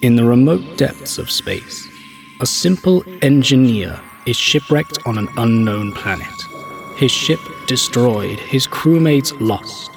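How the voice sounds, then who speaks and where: A man voicing an ominous sci-fi trailer narrator, with slow, suspenseful, drawn-out phrasing. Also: mid-range voice, lively intonation, creaky, faint music behind. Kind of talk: dramatic film trailer narration.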